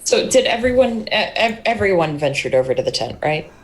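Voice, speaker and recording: A woman's voice: mid-range voice, sing-song, fairly quick, poor audio. A woman playing a tabletop game and chatting casually with the group. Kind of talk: casual chat.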